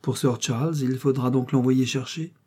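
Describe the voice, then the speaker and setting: A man's voice: mid-range voice, steady tone, normal speed, dark tone, slightly rough, close to an everyday voice. A man voicing an anxious elderly housekeeper, a woman who talks in a fretful, worried way.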